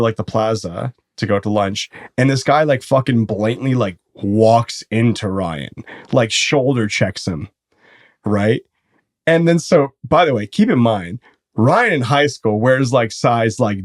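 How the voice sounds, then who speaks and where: A young man, a podcast co-host, telling rowdy stories in casual chat, swearing freely. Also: mid-range voice. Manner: animated, swearing, laughing through stories. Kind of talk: casual storytelling.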